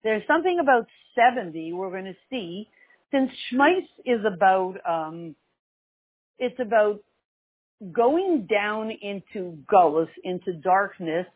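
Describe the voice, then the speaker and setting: A woman's voice: medium pitch, expressive, slow pace, husky, no echo. An older woman giving an informal religious lesson, conversational and wryly joking, repeating phrases for emphasis. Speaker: religious teacher and class host. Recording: tinny, narrow phone-like sound.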